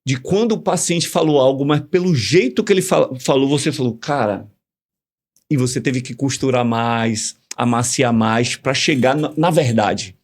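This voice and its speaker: A man explaining ideas in a casual podcast conversation, animated and teacherly, full of examples. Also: medium pitch, normal speed. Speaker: communication guest.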